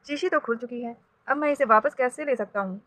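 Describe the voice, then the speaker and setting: A brash middle-aged shopkeeper with a sharp, raised voice, read aloud by a woman. His tone is bright and loud, with a slightly high pitch. He is a storybook character who blusters and then begs. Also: fairly quick, dry recording, close to an everyday voice.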